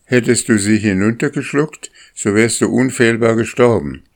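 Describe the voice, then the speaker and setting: Wise old lead goose as a man puts her on, firm, commanding, raised and forceful. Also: mid-range voice, normal speed, vocal fry, voice pushed up, close to an everyday voice. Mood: stern.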